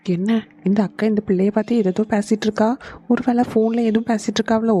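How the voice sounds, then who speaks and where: A woman's voice: medium pitch, fairly even intonation, quick pace, dark tone, husky, natural voice. A woman voicing a kindly, fatherly middle-aged male shopkeeper in a cartoon. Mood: concerned. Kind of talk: cartoon voice acting.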